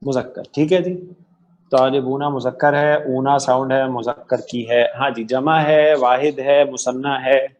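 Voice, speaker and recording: A man's voice: mid-range voice, fairly even intonation, a little mellow, highs cut off. A man teaching an online Arabic grammar class, quizzing students patiently and affirming their answers. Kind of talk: interactive online class lecture.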